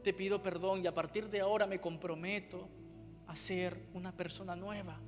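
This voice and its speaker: A high-pitched man with a Spain Spanish accent delivers a heartfelt sermon testimony. He repeats phrases and reenacts his own cries. His voice rings through a church hall with long reverb and quiet music beneath. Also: fairly even intonation, normal speed. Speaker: preacher.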